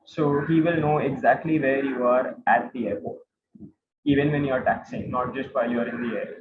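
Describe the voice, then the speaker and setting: In a roomy, tinny online class recording with background noise, a male guide with an Indian accent explains material to students informally, repeating phrases for emphasis. His medium-pitched voice holds a steady tone and moves a little fast.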